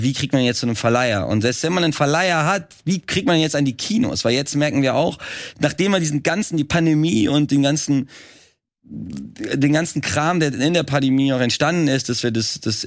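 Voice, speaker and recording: A man's voice: medium pitch, no echo, clean studio sound. A man from Germany, a filmmaker guest, talking in a casual podcast conversation with many restarts and fillers.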